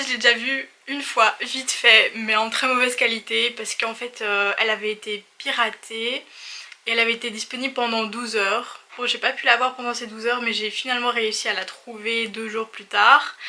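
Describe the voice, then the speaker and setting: A woman vlogger chats in a casual reaction video, her voice high and sharply bright. She gushes and exclaims easily, clearly excitable. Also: normal speed. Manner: gushing, excitable, exclaims often. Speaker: vlogger reacting to a film trailer.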